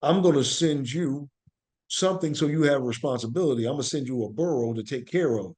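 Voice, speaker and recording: A man, an actor and playwright, is a guest in a conversational interview. His mid-range voice has a darkish tone and moves fairly quickly as he explains things earnestly and reflectively, repeating phrases to drive his points home.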